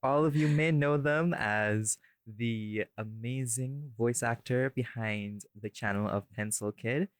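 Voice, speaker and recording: A man with a mid-range voice hosts a casual podcast, speaking slowly with few pauses in a recording free of room sound. He banters and rambles, correcting himself and slipping into playful mock-formal introductions.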